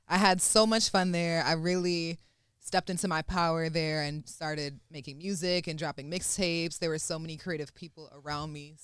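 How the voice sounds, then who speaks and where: A woman's voice: lowish voice, fairly bright tone, smooth, dry recording, studio quality. A young adult woman, a musician, chatting as a guest on a talk show in a laid-back, playful, confident way. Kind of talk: casual interview chat.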